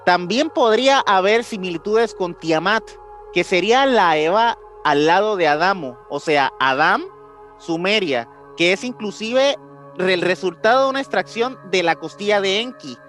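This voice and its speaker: A podcast host with a Mexican accent tells a story casually in slangy speech, often searching for words. His high-pitched voice is expressive and fairly bright at a moderate pace, with soft background music playing.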